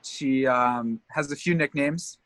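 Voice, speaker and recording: A man's voice: mid-range voice, slow pace, fairly bright tone, dry recording. A man from Canada, a tour guide, telling rambling stories in a casual interview, laughing often and leaning on fillers.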